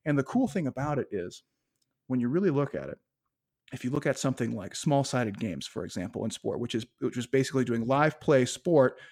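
A man's voice: medium pitch, expressive, brisk, a little mellow. Man explaining training with frequent "right?". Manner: explains step by step, often adds a questioning "right?". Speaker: sports physiology consultant, podcast guest. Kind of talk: explanatory interview talk.

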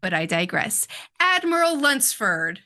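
A woman's voice: fairly high pitch, big pitch swings, measured pace, sharp tone. A woman hosting a chatty podcast and moderating a panel.

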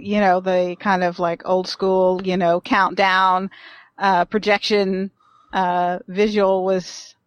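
A woman's voice: mid-range voice, no room sound, lo-fi sound. A woman chatting as a podcast panelist, hesitant and heavy on fillers. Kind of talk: casual chat.

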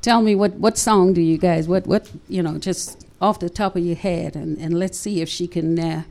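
Older lady hosting church radio in the studio, low mellow voice, lots of amens. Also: steady tone, moderate pace, creaky. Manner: warm preacherly interjections, praise the Lord. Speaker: radio show host.

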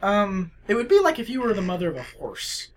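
A young man in casual chat with friends, rambling and excitable and often laughing. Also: high-pitched, fairly quick.

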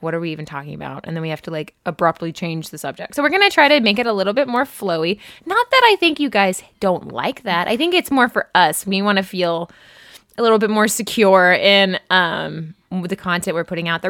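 A young woman co-hosts a casual podcast. She talks with a gravelly, creaky edge, rambles and laughs easily, and the sound is dry and close. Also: mid-range voice, fairly bright tone, dry recording. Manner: chatty, rambling, laughs often. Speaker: podcast co-host. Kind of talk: casual chat.

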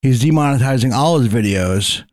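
A man's voice: medium pitch, expressive, moderate pace, no echo, studio quality. A man hosting a podcast in casual, informal chat, talking loosely and with some swearing. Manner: informal, profane. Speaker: podcast host.

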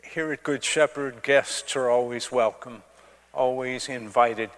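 Slow-speaking male priest in cathedral echo. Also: mid-range voice, steady tone, a bit bright. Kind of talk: liturgical Gospel reading and homily. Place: large church. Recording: long cathedral-like echo of large space.

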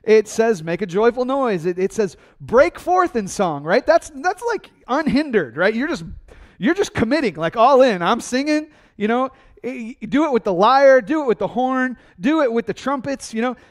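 A man preaching a sermon, energetic and conversational, asking his congregation questions and answering them himself. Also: very high-pitched, moderate pace. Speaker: pastor.

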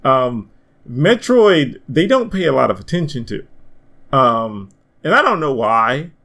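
A man hosting a casual gaming podcast, animated and swearing freely as he rants about games. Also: mid-range voice, measured pace. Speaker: podcast host.

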